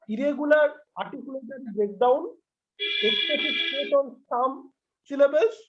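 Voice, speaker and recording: A man presents a medical lecture online, listing terms and repeating words as he goes. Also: extremely high pitch. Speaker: doctor presenting at a medical class. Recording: dull lo-fi online call audio.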